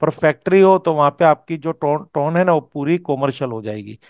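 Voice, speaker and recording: A man's voice: on the high side, animated, a little fast, darkish tone, clear, resonant tone, no echo, dull audio. A man teaching a course, explaining step by step and often checking that his student follows. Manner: explanatory, checks understanding with "okay?". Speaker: vastu teacher.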